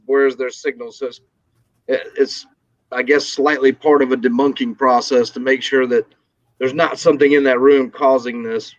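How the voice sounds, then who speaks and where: A man explaining paranormal equipment on a live stream, halting and full of fillers. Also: mid-range voice, dry recording, dull audio. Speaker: paranormal investigator.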